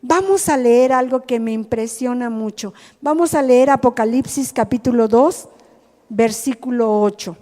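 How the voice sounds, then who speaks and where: Mexican woman preacher, slow and deliberate, checks in with the group, reverberant room. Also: on the high side, warm tone. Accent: Mexican Spanish. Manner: asks the group questions. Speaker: teacher at a rehab ministry. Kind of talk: sermon to a group. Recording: hall reverb.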